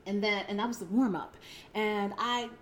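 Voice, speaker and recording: A woman's voice: medium pitch, normal speed, a little hiss or hum. A woman in her forties, a podcast guest telling her story in a rambling, casual way with frequent laughter and fillers. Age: 40s. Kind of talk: casual interview chat.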